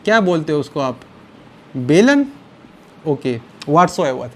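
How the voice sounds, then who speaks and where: A male biology teacher with a fairly high voice gives a recorded lecture at an unhurried pace. He switches between Hindi and English and drags out key terms, repeating them so students can note them down. He talks to his students warmly, calling them children. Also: sing-song. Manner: addresses students fondly as children.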